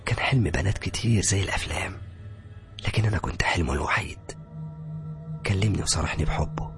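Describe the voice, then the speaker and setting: A man with an Egyptian Arabic accent, dramatically narrating a horror story in a hushed, breathy voice that swells into loud cries. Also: low voice, fast, music in the background.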